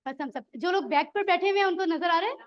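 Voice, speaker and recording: In a very high, fast voice, a woman who teaches Quran Arabic leads a classroom lesson, encouraging her students throughout and asking them questions. The audio is dull and lo-fi.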